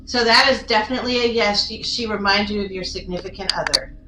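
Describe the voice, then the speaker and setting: A woman's voice: medium pitch, fast. A woman talking casually during a paranormal investigation, coaching and addressing a spirit directly. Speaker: paranormal investigation team member. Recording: roomy echo, some background noise.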